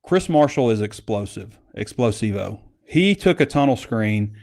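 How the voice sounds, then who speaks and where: A man's voice: fairly low pitch, lively intonation, normal speed, a little mellow. A man hosting a casual sports podcast, talking in a rambling, conversational way. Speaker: podcast host.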